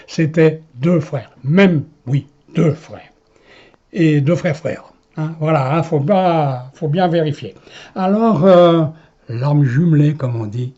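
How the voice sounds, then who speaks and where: Husky man telling a rambling personal story. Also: fairly high pitch, dark tone. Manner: meandering, full of hesitations and chuckles. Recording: dull lo-fi recording.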